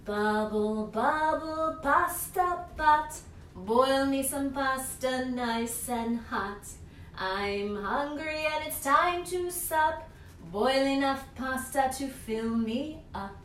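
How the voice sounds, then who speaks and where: A stern old witch from a storybook speaks in a high, loud, deliberate voice, put on by a woman reading aloud. The sound is roomy and distant, with faint background hum. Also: sing-song, full character voice. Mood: singsong. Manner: high, loud, slow and commanding. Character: old female village witch, bossy and firm. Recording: echoey room from far off.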